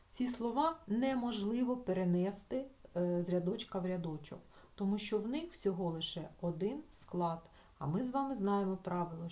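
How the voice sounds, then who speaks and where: A woman teacher patiently explaining spelling rules in a recorded lesson for schoolchildren, stretching example words out slowly and checking in with the class. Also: mid-range voice, mellow. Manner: talks the class through with filler sounds and checking "так?".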